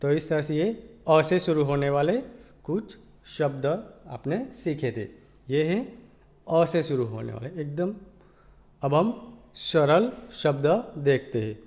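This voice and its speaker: A man with a Gujarati accent teaching young children, slowly sounding out letters one by one and checking in with "ठीक है". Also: on the high side, expressive, darkish tone. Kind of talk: slow, patient children's lesson.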